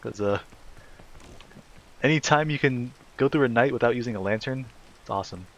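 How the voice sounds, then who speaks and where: A man's voice: mid-range voice, brisk, rough recording. A man casually commentating a video game live as a streamer, chatty and playful with his chat.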